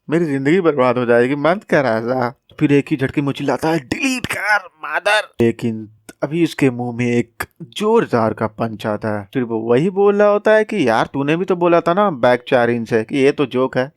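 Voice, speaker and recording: A man's voice: on the high side, animated, normal speed, few pauses, no room sound, studio quality. Young man casually retelling a comic story. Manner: slangy, joking asides, acts out lines. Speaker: manhwa recap narrator.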